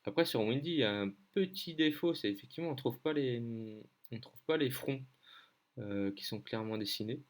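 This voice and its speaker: A man's voice: mid-range voice, lively intonation, brisk. A man from France giving a casual screen-share lesson on weather maps, hesitant, with many fillers as he thinks aloud. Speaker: weather-map tutor.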